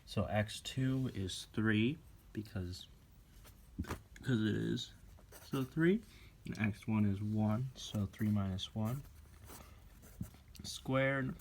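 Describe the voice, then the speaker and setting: In a room at home, a student walks a classmate through a math lesson in a relaxed, homemade way. His male voice sits on the low side and is a little mellow; he's slow and jokey, writing and snacking as he talks, with slight background noise.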